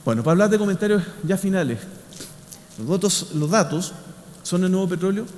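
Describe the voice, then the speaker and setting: A man's voice: high-pitched, expressive, a little fast, darkish tone. A man with a Chilean accent giving a public science talk in a didactic way, often checking in with short tag questions. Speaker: speaker, scientist. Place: large indoor hall before an audience. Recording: echoey hall, faint noise.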